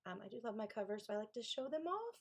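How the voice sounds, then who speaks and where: This fast-talking Kentucky woman has a fairly high, husky voice with big pitch swings and a Southern accent. An author streaming writing sprints, she chats casually about her books, stays chatty, reads viewers' messages aloud and thanks them.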